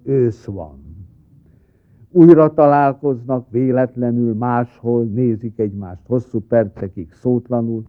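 A man speaks a wry, deadpan satirical monologue at an even middle pitch. The sound is thin and tinny, like an old cassette. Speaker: comedy writer.

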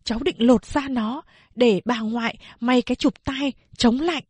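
A woman's voice: a little high, measured pace, husky, no echo. A woman voicing a curious, secretive young village boy who speaks in eager, pleading questions.

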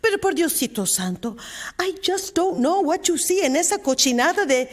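High-voiced, fussing Mexican mother. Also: expressive, brisk. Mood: fretting, affectionate. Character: fussing, loving, teasing Mexican mother, middle-aged.

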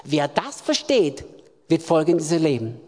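A woman's voice: low-pitched, big pitch swings, measured pace, mellow. A woman delivering a sermon in the first person, emphatic, building to fervent preaching. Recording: long hall reverb.

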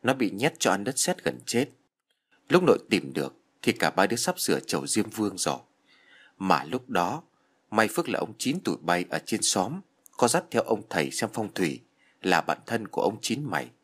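A man voicing an old village grandfather, speaking slowly and solemnly. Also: lowish voice, sing-song, fairly bright tone, husky, full character voice. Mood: grave.

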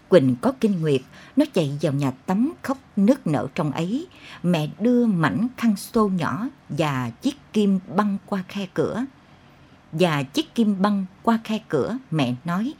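A woman narrating a dark literary story in an intense, expressive way. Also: on the low side, breathy edge. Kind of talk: dramatic audiobook narration.

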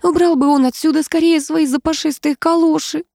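A woman's voice: high voice, fairly even intonation, a little fast, vocal fry, mellow, no echo, studio quality, voice pushed up. A woman voicing a flustered, bossy young woman of about twenty who grumbles in a hissed whisper, in an audiobook reading. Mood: exasperated.

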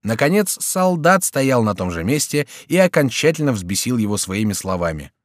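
Expressive male audiobook narrator. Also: medium pitch, moderate pace, no room sound. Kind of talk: scripted narration. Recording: dry studio booth.

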